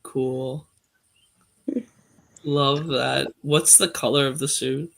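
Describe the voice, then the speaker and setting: A man's voice: mid-range voice, fairly even intonation, takes it slowly, gravelly, a bit bright. A man running a tabletop game as game master, hesitant and full of fillers.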